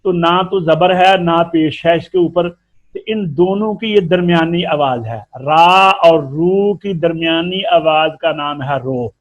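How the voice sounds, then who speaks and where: Slow and somewhat high-voiced, this Urdu-accented man teaches Quran recitation through a tajweed lesson. He explains with patience, stretching syllables out to demonstrate each sound.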